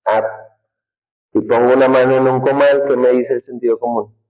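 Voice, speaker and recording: A male teacher lectures a class in a relaxed, conversational way. His pitch sits in the middle of the male range. He keeps throwing questions at the students and answering them himself. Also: normal speed, dull audio.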